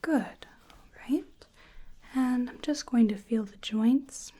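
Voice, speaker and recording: Whispering breathily and softly, a woman plays a medical examiner in an ASMR role-play, her voice on the high side and her pace slow. She murmurs to herself in a gentle, hesitant way.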